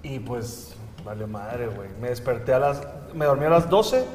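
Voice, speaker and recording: A man's voice: mid-range voice, lively intonation, normal speed, a little mellow, slight background noise. A Mexican man telling a casual, slangy anecdote among friends on a podcast. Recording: echoey room with long reverb.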